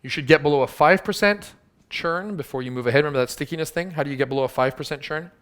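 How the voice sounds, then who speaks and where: Guy rattling off a workshop talk real fast, punchy, teases the crowd. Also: on the high side, a bit bright. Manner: punchy, teasing the audience. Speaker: workshop speaker. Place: workshop room with audience.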